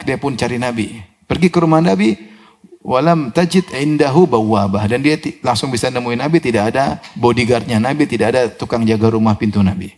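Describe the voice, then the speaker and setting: A man giving a sermon, telling stories with acted quotes and occasional chuckles. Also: medium pitch. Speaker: preacher.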